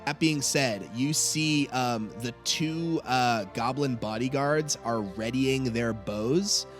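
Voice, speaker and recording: A man's voice: mid-range voice, slow pace, soft background music. A man narrating as game master of a tabletop role-playing game, hesitating often with ums and uhs.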